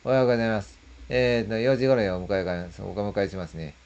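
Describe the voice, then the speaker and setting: A man's voice: fairly low pitch, quick pace, gravelly, a little mellow, clear, resonant tone, highs cut off. A man voicing a polite, businesslike young male manager in a ghost story. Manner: polite, deferential.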